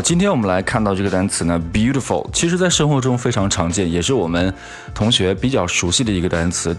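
A man with a fairly low voice hosts a podcast lesson on pronunciation. He explains step by step and drags out the example words slowly. Now and then he tosses in a casual joke at his own expense. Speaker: English pronunciation teacher.

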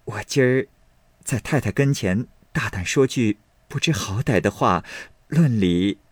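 A man voicing a gentle, careful young female maid in a storybook reading, speaking softly and deferentially. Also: lowish voice, lively intonation, a little slow, breathy edge, dry recording.

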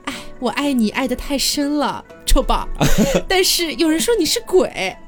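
A woman's voice: high voice, very animated, normal speed, faint music behind, voice pushed up. A woman voicing a lovesick young scholar. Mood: coaxing. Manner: coaxing and playful.

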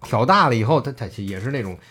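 A man co-hosting a casual chat, retelling scenes with animated acted-out quotes. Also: medium pitch, fast talker, slightly rough. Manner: animated storyteller, acts out quoted lines. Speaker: podcast co-host. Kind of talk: casual chat about a classic novel.

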